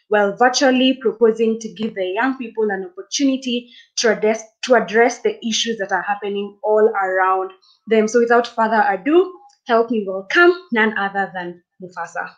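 A woman's voice: mid-range voice, dull audio. A young woman from Kenya hosting an online arts forum, chatting upbeat as she reads viewer comments out over a webcam in a small room. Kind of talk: live-stream hosting, reading comments. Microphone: laptop webcam mic on a video call.

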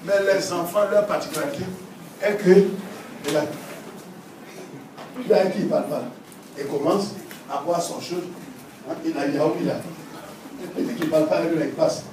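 Male pastor, high voice, animated sermon style; distant mic, heavy church echo. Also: normal speed, pauses often. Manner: animated preaching, acting out quoted church members. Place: church hall. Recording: very echoey hall, distant mic, faint noise.

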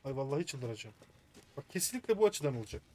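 A man's voice: medium pitch, sing-song, fast, a little mellow, slight background noise. A man commentating his own video game play, muttering to himself in frustration as he works through a puzzle. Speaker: gaming streamer.

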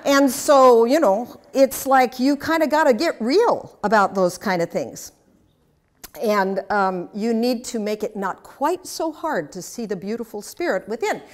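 An older woman with a fairly high, expressive voice teaches a class at a measured pace. Her interactive talk is chatty and full of anecdotes, humorous asides, and questions for the audience.

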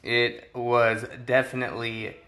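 Guy doing a casual travel vlog voiceover, bright crisp edge to his voice, normal pitch. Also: level tone, slow pace, slight background noise. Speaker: vlogger narrating a visit. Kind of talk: casual scripted travel voice-over.

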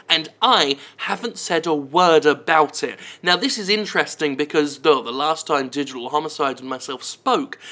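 Brief: sardonic male game critic, bright tense voice, pitched a bit high, emphatic and repetitive. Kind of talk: sarcastic commentary over gameplay footage.

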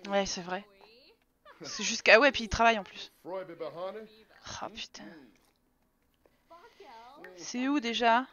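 A woman's voice: on the high side, takes it slowly, pauses often, a bit bright. A woman giving casual, swear-filled commentary while playing a life-sim game live, talking to her characters. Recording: dull lo-fi stream audio.

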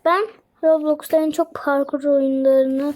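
A young woman casually commenting on a mobile game as she plays, excitable and often crying out in delight. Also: high voice, unhurried. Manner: excitable, squeals and cries out in delight. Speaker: gaming channel host.

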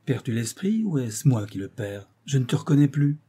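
A man's voice: mid-range voice, sing-song, normal speed, dark tone, husky. A male audiobook reader voicing a jealous, desperate financier who rages and pleads with his mistress. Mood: anguished. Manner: indignant, pleading, groaning. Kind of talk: audiobook reading.

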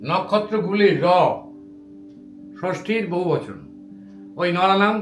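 A man teaching a grammar lesson to students, patiently reciting word forms slowly one by one. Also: sits high, fairly bright tone, reverberant, soft background music. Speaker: Sanskrit teacher.

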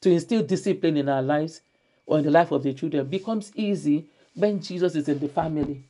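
A woman's voice: sits low, a little fast, mellow. A woman pastor preaching a church sermon, repeating her key phrases emphatically and reading scripture aloud.

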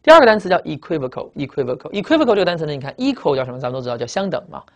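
A male English vocabulary teacher, lecturing at a brisk clip. He drills his students through word roots, spelling letters out and repeating terms in a lively way. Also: a little high. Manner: lively, drawn-out spelling and repetition, frequent "啊" tags. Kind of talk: classroom lecture. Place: classroom with blackboard.

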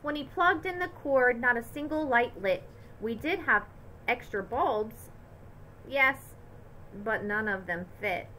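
Bright, expressive woman reading aloud. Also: on the high side, slow, a little hiss or hum, rough recording. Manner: lively, expressive storytelling. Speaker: teacher. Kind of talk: reading a picture book aloud to children.

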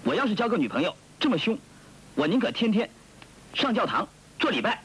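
1970s film friend from an old VHS tape: teasing, frank young man with a lively voice. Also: sits high, fairly quick, low-quality recording. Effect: old VHS tape film soundtrack.

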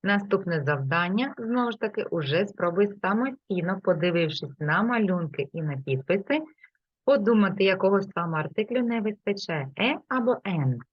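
A woman teaching an English lesson, explaining patiently and repeating example words clearly. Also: medium pitch, lively intonation, moderate pace, dry recording. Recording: dull, lo-fi, dry sound.

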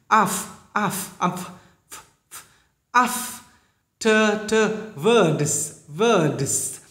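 High-voiced Vietnamese teacher drilling pronunciation. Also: male voice, a bit bright, reverberant. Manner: drills words slowly, repeats them, coaxes students. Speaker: English teacher. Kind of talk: pronunciation lesson.

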